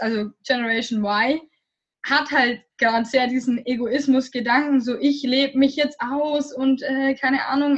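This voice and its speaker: A woman's voice: high voice, highs cut off. A young woman from Germany in her twenties, a guest chatting casually in an interview, rambling with many fillers.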